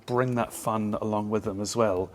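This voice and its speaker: A man hosting a casual podcast chat, playful and quick to laugh. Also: fairly low pitch, fairly even intonation, slight background noise. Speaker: podcast host, wedding photographer.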